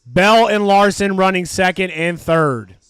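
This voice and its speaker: A man hosting a live race stream, giving excitable, profane, jokey commentary. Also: high voice, a little slow, smooth, no echo, clean studio sound.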